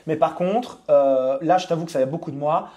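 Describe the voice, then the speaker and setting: A man's voice: on the high side, warm tone. A man in his thirties from Belgium, a coach talking candidly as a guest in a casual interview. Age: 30s. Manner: candid, confiding, fast.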